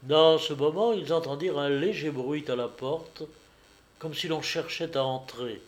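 Slow, measured male audiobook narrator. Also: on the high side. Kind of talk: audiobook narration of a classic novel.

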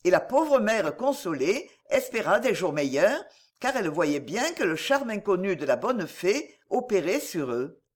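Expressive woman reading a fairy tale. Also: medium pitch. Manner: expressive, measured. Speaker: narrator. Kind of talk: storybook narration.

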